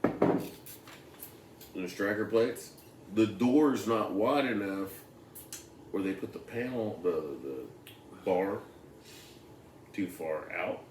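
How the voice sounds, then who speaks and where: A man telling work stories in casual chat, loud and animated, swearing heavily. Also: on the low side, takes it slowly, long pauses, distant mic. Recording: echoey room with faint noise.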